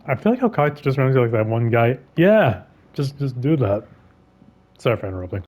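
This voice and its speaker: A young man casually commenting over a game, chatty and quick to giggle. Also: mid-range voice, very animated, darkish tone. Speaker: gameplay commentator. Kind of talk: casual let's-play commentary.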